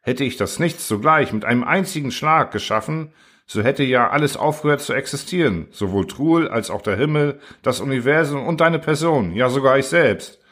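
A man's voice: medium pitch, lively intonation, moderate pace, fairly bright tone, pitched above the performer's own voice. A man voicing a smug metallic-sounding machine. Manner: smug, indifferent, self-important. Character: vain, cold, boastful thinking machine. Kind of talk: audiobook reading.

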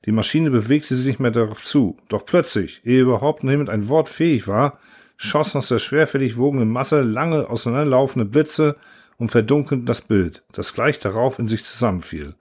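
A man reading a science fiction story aloud in steady scripted narration. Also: mid-range voice, normal speed. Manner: steady, even audiobook reading.

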